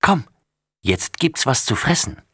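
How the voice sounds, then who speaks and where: A man's voice: mid-range voice, very animated, moderate pace, a bit bright, no room sound, clean studio sound, voice pushed up. A man putting on an eager young girl's voice. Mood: cheerful. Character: excited young girl, proud and bossy.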